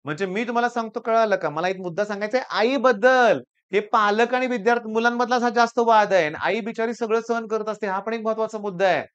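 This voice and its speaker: A man's voice: high-pitched, fast talker, hardly any pauses, a bit bright, clear, resonant tone, lo-fi sound. A man with a Marathi accent giving an earnest motivational talk to students as their tutor, often repeating "I tell you".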